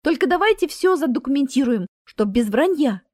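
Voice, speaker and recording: A cheeky young female ghost, eager and pert, chattering in a bright high voice, as a woman acts her out. Her lines bounce across a wide range, recorded dry and close. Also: very animated, normal speed, no room sound.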